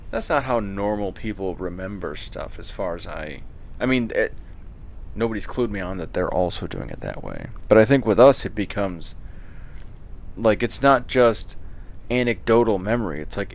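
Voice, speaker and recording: A man's voice: lowish voice, gravelly, a little hiss or hum. A man hosting a casual late-night chat, rambling and joking with a profane, loose way of talking.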